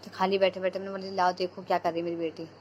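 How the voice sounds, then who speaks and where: Young mom chatting over home video, kinda flat monotone, noisy background hiss. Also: female voice, on the low side, fast talker. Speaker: mother narrating home video. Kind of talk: casual voice-over commentary.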